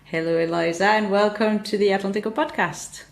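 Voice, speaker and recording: A woman's voice: mid-range voice, steady tone, a little fast, vocal fry, reverberant. A woman hosting a podcast interview who asks questions in a friendly, structured way. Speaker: podcast host.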